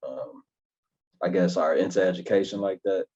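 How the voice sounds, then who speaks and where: A man co-hosting a casual interview, speaking hesitantly with many pauses and fillers. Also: low voice, dark tone, husky. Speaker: podcast co-host. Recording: dull lo-fi audio.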